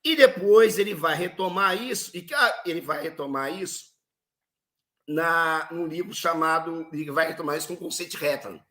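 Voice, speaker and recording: Bright high-pitched male lecturer. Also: moderate pace. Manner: explanatory, poses rhetorical questions and answers them. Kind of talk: lecture on history and geopolitics.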